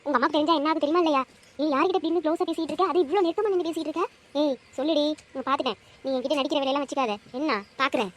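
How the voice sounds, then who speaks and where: A woman's voice: high voice, racing, close to an everyday voice. A woman doing a nosy, scolding aunt. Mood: suspicious scolding. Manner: suspicious, interrogating. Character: nosy scolding middle-aged village aunt.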